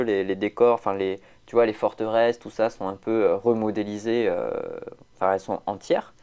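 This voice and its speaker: A man's voice: fairly low pitch, a little mellow, clear, resonant tone. A man, chatting casually as a podcast co-host, rambling with lots of fillers and restarts. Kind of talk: casual chat.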